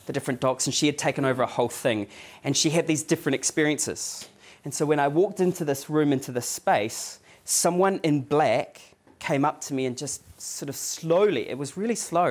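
A man with a New Zealand accent giving a conversational lecture to a live audience, often checking in with a quick "yeah?" and rambling a little as he tells his story. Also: a little high, a little mellow. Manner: loose, rambling delivery with restarts and fillers. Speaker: guest lecturer. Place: office event space with a live audience.

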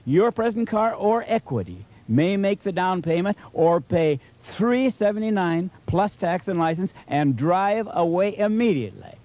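A man with a high voice delivers a local car dealer's TV pitch. The sound is dull, like old tape. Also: animated, unhurried, few pauses, mellow. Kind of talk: local TV commercial.

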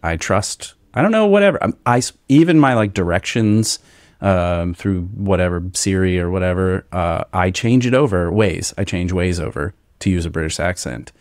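A man's voice: deep voice, expressive, moderate pace, dry recording, studio quality. A man from Kentucky hosting a podcast, chatting casually and rambling, with filler words. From Northern Kentucky, US. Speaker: podcast host. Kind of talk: casual chat.

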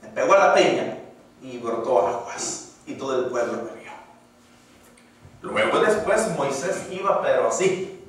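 A man preaching a sermon as pastor, calling out to the congregation, swinging from loud exclamations to hushed asides. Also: medium pitch, lively intonation, a little slow, long pauses. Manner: call-and-response preaching. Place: church hall. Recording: very echoey hall, from far off.

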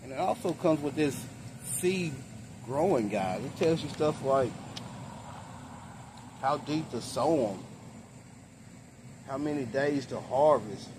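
Speaking slowly with long pauses, this middle-aged man shows off gardening supplies in a casual, plain-spoken product demo for his home gardening vlog. He records in a backyard, and outdoor noise with a rumble like traffic runs underneath.

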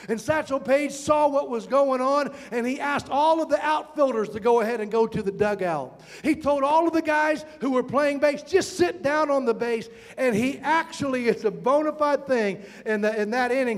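A man preaching a sermon as pastor, animated and calling out to his congregation. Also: very high voice, long reverb tail. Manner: animated preaching with audience call-outs.

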